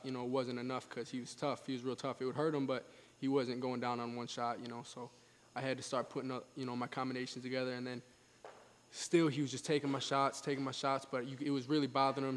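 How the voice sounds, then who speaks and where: A young man of eighteen speaks quickly and evenly, with a confident, explanatory manner. He sounds like an athlete in a casual interview, looping back over his phrases. The sound carries long hall reverb and a little background noise. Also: mid-range voice. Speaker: professional boxer being interviewed.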